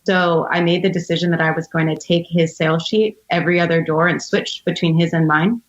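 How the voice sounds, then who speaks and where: As a podcast guest, this woman in her thirties, an entrepreneur from outside Philadelphia in the United States, reflects on personal experiences in articulate, conversational speech. She talks fairly quickly in a lowish, steady voice, though the audio is muffled.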